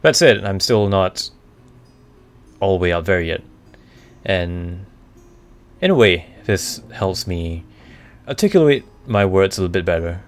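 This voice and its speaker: A man chatting casually on a live stream, answering questions in a halting way as he searches for the right words. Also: low voice, expressive. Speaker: streamer, VTuber. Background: background music.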